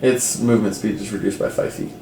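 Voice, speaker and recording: A man's voice: lowish voice, fairly even intonation, fairly quick, gravelly, mellow. A man running a tabletop game as game master, narrating casually with fillers. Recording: roomy echo, faint background noise.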